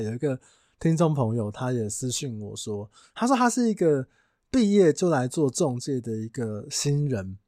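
A young man hosts a casual podcast, telling stories in a chatty, amused way and laughing easily. His voice sits a little high and swings through a wide, animated pitch range. The recording is dry, with almost no room sound. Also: dry recording. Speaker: podcast host.

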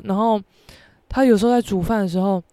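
A woman podcast host, telling a story in a casual, animated, profane way. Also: medium pitch, a little fast, dry recording. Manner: animated, profane, acts out quoted voices.

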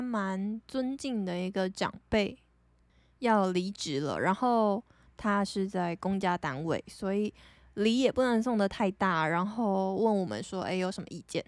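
A young woman from Taiwan with a Taiwanese Mandarin accent, hosting a podcast and telling stories casually, chatty and animated, laughing often. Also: mid-range voice, no echo. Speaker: podcast host. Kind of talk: casual storytelling monologue.

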